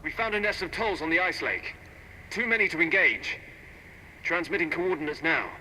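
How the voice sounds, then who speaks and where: A man's voice: on the high side, lively intonation, moderate pace, pushed and bright. An actor playing a young male scout soldier, giving a clipped, urgent military report through a sci-fi communicator transmission. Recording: echoey game comm with faint hiss.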